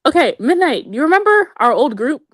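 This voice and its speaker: A young woman with a high, lively voice that swoops all over as she tells gossip to her friends. Her delivery is animated and loose, thick with slang and quick asides. The sound is close and dry, with no room around it. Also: no room sound. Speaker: storyteller among friends. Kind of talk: casual chat.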